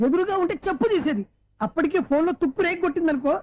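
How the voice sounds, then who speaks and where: An actor playing an excitable, nosy young friend in a film comedy, chattering rapidly. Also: male voice, extremely high pitch, no echo. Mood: eager.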